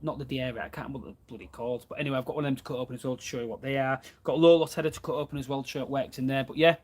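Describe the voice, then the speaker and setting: This man speaks at a racing pace in a medium-pitched, darkish voice that holds a steady tone. He's in his van doing a live Q&A on running his plumbing business, talking casually and plainly and reading out comments from viewers.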